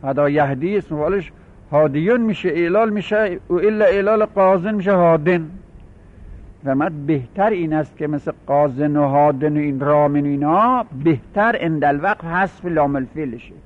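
Middle-aged iranian guy teaching a class, raised voice, slows way down to recite examples, tinny old tape sound. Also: a little high. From Iran. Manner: explanatory, repeats key words, slows to recite examples. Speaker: seminary teacher. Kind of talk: classroom lecture on Arabic grammar.

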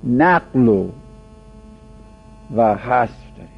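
A man teaching Arabic grammar in a classroom lecture, whose first language is Persian, drawing out the example words slowly. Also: medium pitch, lively intonation, husky. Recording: dull lo-fi recording with mains hum.

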